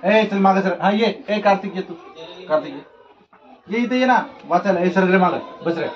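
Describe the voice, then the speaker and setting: A woman teacher running an alphabet quiz with a class of young children, giving brisk commands and telling them to speak up. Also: medium pitch. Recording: dull lo-fi recording in a noisy classroom. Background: children chattering.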